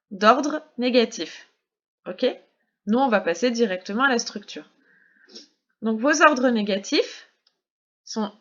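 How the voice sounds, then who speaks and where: A woman's voice: medium pitch, fairly bright tone, highs cut off. French woman teacher explaining a lesson. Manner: slow, deliberate drilling of English model sentences, then brisk French explanation. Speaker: English teacher. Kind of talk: recorded online lesson for middle-school pupils.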